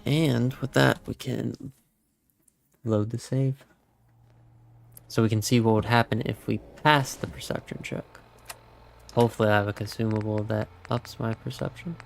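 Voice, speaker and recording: A man's voice: mid-range voice, steady tone, normal speed, gravelly, pauses often, faint music behind. A man streaming a game, muttering to himself and reading out dialogue choices as he plays. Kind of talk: gameplay commentary.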